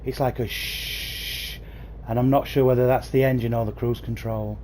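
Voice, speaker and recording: Casually commentating his livestream, a man at home plays a bus game on console and enthusiastically names his viewers as he talks into a new gaming headset. He has a medium pitch, level tone, moderate pace, and slightly mellow sound, with a bit of background noise.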